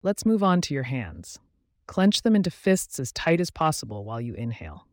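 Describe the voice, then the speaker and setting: A man guiding a relaxation meditation in a calm, soothing, measured way, giving instructions with pauses. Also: mid-range voice, no room sound, studio quality. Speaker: meditation guide. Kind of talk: guided relaxation meditation narration.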